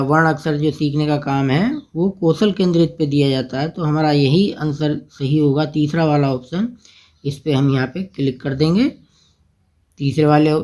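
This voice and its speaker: A man with a slightly higher-than-usual voice guides viewers through a quiz. He checks each option patiently and says plainly why it is right or wrong. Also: darkish tone. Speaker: teacher trainer. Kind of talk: screen-recorded quiz walkthrough.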